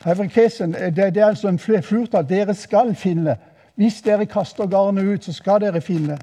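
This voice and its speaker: An older man with a southern Norwegian accent preaches with lively storytelling in a mission hall. His voice sits high but sounds dark and mellow. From southern Norway. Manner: lively storytelling, voice rising for quoted exclamations. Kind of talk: sermon.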